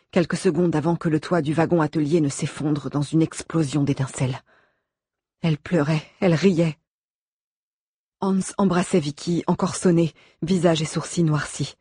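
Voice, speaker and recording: Husky, dry-voiced audiobook narrator. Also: medium pitch, mellow, no room sound. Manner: measured, suspenseful reading.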